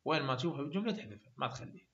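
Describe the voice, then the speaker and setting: Iraqi guy going over exam answers, asks himself stuff and answers it, talks fast, kinda dull muffled audio. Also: medium pitch, animated, fairly bright tone. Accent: Iraqi Arabic. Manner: explains by asking and answering his own questions. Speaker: English teacher. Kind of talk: exam-solution lesson.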